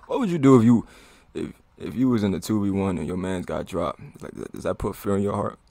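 A man's voice: lowish voice, expressive, a little fast, vocal fry, mellow, no echo. A man hosting a reaction video, giving laid-back, slangy commentary on a fight with frequent exclamations and chuckles.

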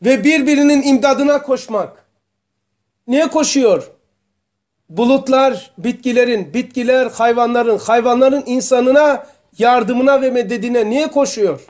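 A man teaching a religious study group, explaining terms slowly and asking his students questions. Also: extremely high pitch, a little mellow. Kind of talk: religious lesson to a small group.

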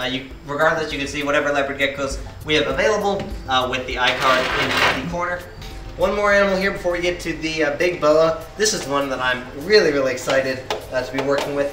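Standing by an open car on a dirt lot, a young channel host casually displays his reptiles, speaking eagerly in a mid-range voice and leaning heavily on "uh" fillers. The recording sounds distant and roomy, with background music.

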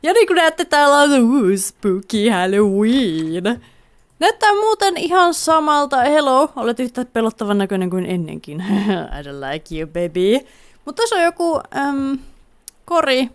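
A woman's voice: high-pitched, a bit bright. A woman giving playful let's play commentary with a Finnish accent, giggling often and talking to the game character. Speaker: gaming YouTuber.

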